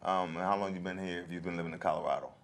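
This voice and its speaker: A man's voice: deep voice, very fast, a little hiss or hum. An American man hosting a local talk show, interviewing guests casually with lots of fillers. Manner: relaxed, many fillers and backchannels.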